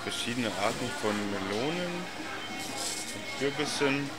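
A man narrating a handheld tour of a supermarket, walking and commenting in a relaxed way on the camera mic. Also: medium pitch, loud music behind the voice. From Germany. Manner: relaxed, unhurried, commenting as he walks. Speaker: vlogger. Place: large supermarket indoors. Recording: loud store noise behind. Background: supermarket bustle.

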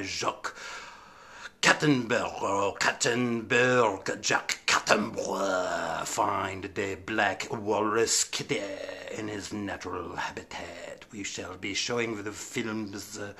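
A man's voice: lowish voice, gravelly, sharp tone, full character voice. A man playing a bumbling, pompous nature-documentary host who keeps fumbling his own name, in a comic parody of a wildlife show.

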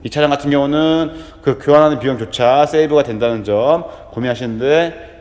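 A man presenting a used car as a dealer in a walkaround sales pitch, with smooth salesman patter, going item by item. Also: a little fast, a little mellow. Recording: long reverberant echo.

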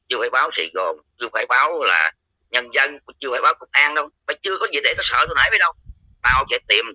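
A man's voice: mid-range voice, bright, forceful tone, husky, dry recording, poor audio. A man with a Southern Vietnamese accent, a lay follower of a religion, giving a heated, coarse, confrontational rant. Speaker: Cao Dai lay follower.

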